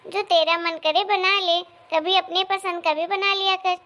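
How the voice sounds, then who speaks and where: A woman's voice: extremely high pitch, level tone, unhurried, pushed and bright, full character voice. A woman voicing a kind, protective old grandmother in a cartoon story, speaking in a reassuring, affectionate way.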